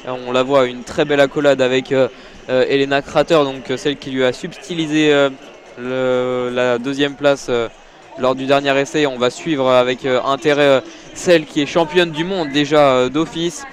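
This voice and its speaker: A man giving live audio-described athletics commentary from a stadium, hesitant with many fillers, rising when excited. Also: medium pitch, normal speed. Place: outdoor stadium.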